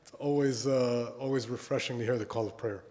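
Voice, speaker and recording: A man delivers a sermon with a thick, sore-throated voice, as if getting over swollen tonsils. His delivery is halting and hesitant, and his voice rings with long reverb in a large hall. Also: mid-range voice, fairly even intonation, a little mellow. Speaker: Friday sermon speaker. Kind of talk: sermon in English with Arabic recitation. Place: mosque prayer hall.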